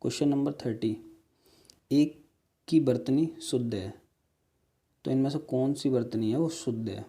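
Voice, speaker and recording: Male tutor, mellow tone, walks through answers one by one, often checking in with the viewer. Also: medium pitch. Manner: explains step by step, repeating words and "ठीक है"; asks rhetorical questions to viewers. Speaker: teacher. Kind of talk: exam-prep spelling lesson.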